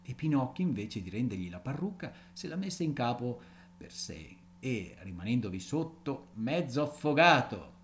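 A man reading a classic storybook aloud in an expressive way, with small ad-libs and chuckles. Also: mid-range voice, moderate pace, slight background noise. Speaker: audiobook reader.

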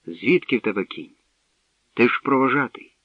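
A man voicing an eager, hot-headed young man who shouts with excitement, in a tinny, distant radio recording. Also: medium pitch, moderate pace, dry recording, pitched above the performer's own voice, natural voice. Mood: excited.

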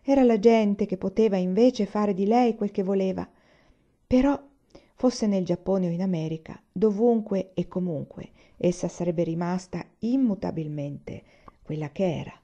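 Calm woman reading a novel aloud. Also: medium pitch, moderate pace, muffled recording. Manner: calm, even storytelling with quoted dialogue. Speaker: reader.

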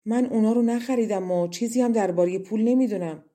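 A woman's voice: a little high, mellow, lightly acted. A woman voicing a sad, helpless young princess who pleads in despair. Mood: pleading.

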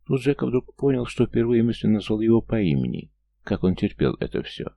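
A man reading a story aloud as audiobook narrator, steady and measured. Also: on the low side, creaky. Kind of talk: scripted narration.

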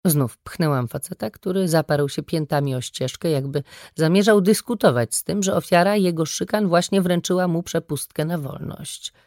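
A woman reading a first-person audiobook story with brisk, wry storytelling. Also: sits low, a little mellow, no room sound, studio quality. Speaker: audiobook narrator. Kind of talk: scripted first-person narration.

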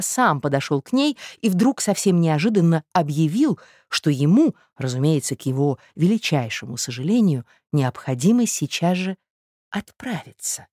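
An audiobook narrator reading a classic novel in a measured, even storytelling manner. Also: mid-range voice, no echo, clean studio sound.

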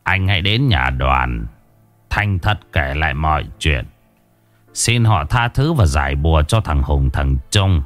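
Man doing a calm old village sorcerer. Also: rumbling low, faint music behind. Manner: calm, measured, lecturing. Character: calm older male village sorcerer, weary and sighing.

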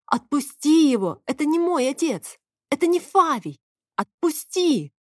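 A woman's voice: fairly high pitch, animated, moderate pace, no room sound, natural voice. This is an anxious young man in an audiobook, as a woman reader voices him. He pleads urgently. The sound is dry and close to the mic. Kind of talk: audiobook character voice.

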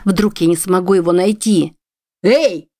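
A woman's voice: fairly low pitch, a little slow, warm tone, lightly acted. A woman voicing a desperate, bearded former soldier who talks in an urgent, pleading, breathless way.

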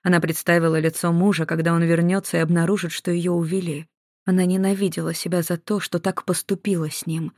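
An audiobook narrator reading scripted prose in an even, measured way. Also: mid-range voice, dry recording, studio quality.

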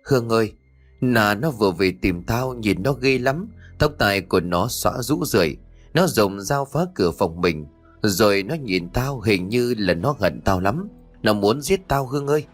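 A man's voice: lowish voice, expressive, normal speed, faint music behind. A man voicing a terrified young woman in a horror story, speaking in a panicked, tearful way.

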